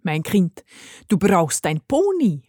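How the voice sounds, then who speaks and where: A woman doing a gentle old grandfather. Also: on the low side, slow, husky, no room sound, studio quality, heavily acted. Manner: calm, soothing, relishing.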